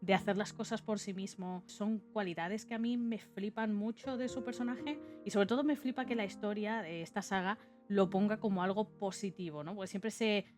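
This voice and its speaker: A woman's voice: medium pitch, normal speed. A woman with an accent from Spain giving casual video essay commentary in an informal, chatty manner. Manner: informal and chatty, with conversational tag questions. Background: background music.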